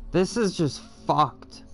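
A man's voice: a little high, creaky. A man streaming gameplay live, reacting with frustrated outbursts and a lot of swearing. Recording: game music playing behind.

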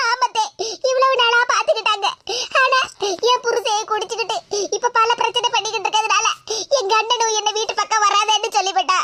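Woman doing weepy young cartoon wife, Tirunelveli Tamil accent, very high voice, resigned tone, noisy recording. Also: steady tone, brisk. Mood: tearful. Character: young beaten wife, meek and tearful.

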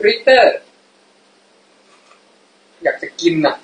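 A man's voice: quick pace, highs cut off. Giggly man live-streaming in an echoey room. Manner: playful and giggly, often laughing. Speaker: livestream host. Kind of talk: casual live-stream chat. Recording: echoey room, mic at a distance.

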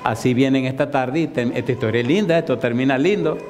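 A man preaching in a church hall, telling a story and jumping into higher voices for the people he quotes. His tone is dark and mellow. A long reverb trails behind his words. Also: fast, a faint crowd. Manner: animated, acts out quoted voices with rising pitch. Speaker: pastor. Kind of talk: storytelling sermon.

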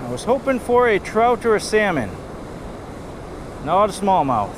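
A fishing vlogger's upbeat play-by-play of his river outing, recorded on a head-mounted action camera, carries faint wind and river noise. He has a New England accent and a voice that sits high, with big pitch swings and a measured pace. It's casual outdoor narration to camera from a rocky riverbank.

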